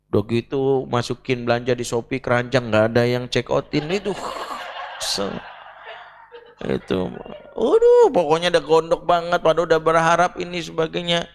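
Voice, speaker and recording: Middle-aged man preaching on family life, playful delivery, mid-high pitch. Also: a little fast, gravelly, in a large hall, a little hiss or hum. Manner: lively, jokey, acts out quoted family members. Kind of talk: religious talk on marriage.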